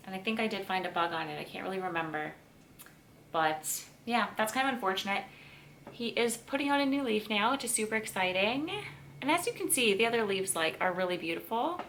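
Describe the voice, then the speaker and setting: A woman's voice: mid-range voice, fairly bright tone. A woman giving a casual tour of her home, chatting and gushing with lots of fillers. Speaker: plant vlogger. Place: room in her home, indoors. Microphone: camera mic across the room. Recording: roomy and distant with faint ambient noise.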